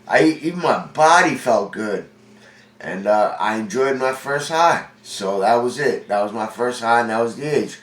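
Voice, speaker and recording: A forty-year-old Long Island vlogger, sounding congested, rambles through his own story in a profane, streetwise monologue. His medium-pitched voice is expressive and a bit bright at a moderate pace. He's recorded in an indoor room with a window, the sound roomy and distant from the mic.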